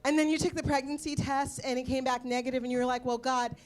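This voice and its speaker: High-pitched woman stand-up, wry punchy comic timing. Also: fairly even intonation, fast, slight background noise. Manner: wry, punchy delivery with laughs. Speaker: stand-up comedian. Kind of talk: stand-up comedy set. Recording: played clip of a stage show.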